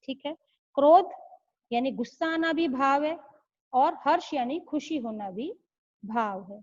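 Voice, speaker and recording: A woman's voice: high-pitched, measured pace, darkish tone. A woman teaching young children an online lesson, patiently explaining and often checking if they understand. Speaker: school teacher. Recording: slightly muffled lo-fi audio.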